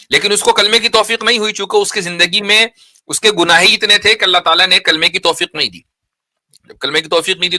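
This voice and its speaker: Bright, sharp-voiced man debating. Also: high voice. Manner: argumentative, probing, repeats points. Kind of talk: live religious debate, question and answer.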